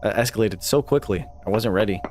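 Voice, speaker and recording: A man's voice: fairly low pitch, quick pace, a little mellow, soft background music. A young man streaming a video game live, chatting casually, laughing often and swearing freely. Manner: laid-back, swears a lot, laughs often. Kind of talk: casual live gameplay chat.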